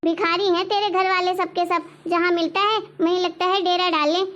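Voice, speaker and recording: Through a muffled recording, a woman's very high-pitched, slightly bright voice comes across flat and at a moderate pace. In this piece of homemade web-drama acting, she's a stingy, harsh mother-in-law scolding her daughter-in-law, taunting her and reiterating her demands.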